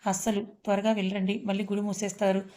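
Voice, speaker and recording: A woman's voice: medium pitch, level tone, fast, mellow, close to an everyday voice. A woman voicing a kind, fussing middle-aged woman who helps a guest. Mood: hurrying. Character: kindly middle-aged woman, helpful host.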